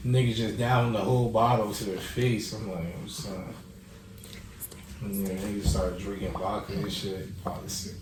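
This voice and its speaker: A man's voice: lowish voice, level tone, moderate pace, distant mic. A laid-back young man reminisces in loose, profane slang. He sounds set back from the mic in a roomy space. Noticeable background noise sits under his voice. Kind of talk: casual chat.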